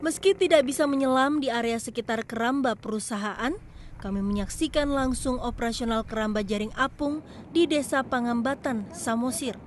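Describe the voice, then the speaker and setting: A female news reporter giving a measured, scripted narration for an investigative report. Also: fairly high pitch, a little hiss or hum.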